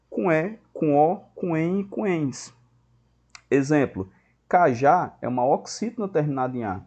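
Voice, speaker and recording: A man's voice: medium pitch, darkish tone. A man, teaching a grammar lesson step by step and checking in with his students often. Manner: explains step by step, checks in with "beleza?".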